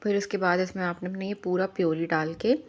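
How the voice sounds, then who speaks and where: A homemaker woman narrates her chores in a voice-over, her voice sitting a little low. She talks in a chatty, advising way and drops English phrases into her speech. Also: fairly even intonation, brisk. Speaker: homemaker vlogger.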